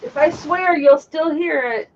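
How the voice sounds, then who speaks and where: A woman's voice: sits high, takes it slowly, a little hiss or hum. A woman co-hosting a casual chat show, speaking playfully from under her desk, away from her camera's mic. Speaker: co-host of a reselling chat show. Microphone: camera's built-in mic. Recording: dull lo-fi sound.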